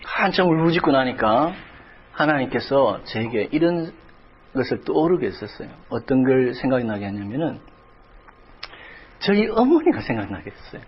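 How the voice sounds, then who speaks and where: A man's voice: medium pitch, very animated, moderate pace, dull audio, a little hiss or hum. A middle-aged male pastor preaching a sermon, telling a personal story with emotion that rises toward crying out in prayer. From South Korea.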